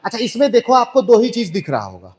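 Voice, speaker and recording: Casting: a man as a joking chemistry tutor, high voice, online class. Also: wildly swooping pitch, quick pace, a little mellow. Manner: playful, jokey, full of rhetorical questions. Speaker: chemistry teacher.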